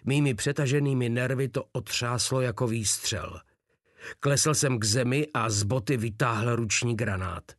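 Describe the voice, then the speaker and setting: Guy reading a war novel aloud, even and steady, medium voice, dry close sound. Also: mid-range voice, no room sound. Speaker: audiobook narrator. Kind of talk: first-person audiobook narration.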